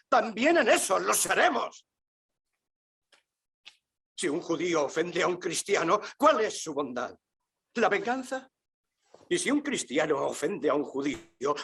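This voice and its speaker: An actor in a dubbed film drama playing a bitter, vengeful old male merchant, delivering grim, menacing lines in a raspy, husky voice. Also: high voice, fairly bright tone, exaggerated voice.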